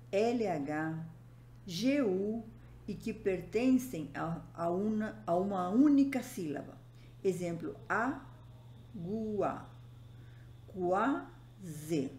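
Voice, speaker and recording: A woman teacher giving a recorded grammar lesson, speaking deliberately and listing example words one by one. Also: on the low side, dark tone. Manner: slow, deliberate, spells out letters and lists examples. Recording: roomy echo, faint background noise.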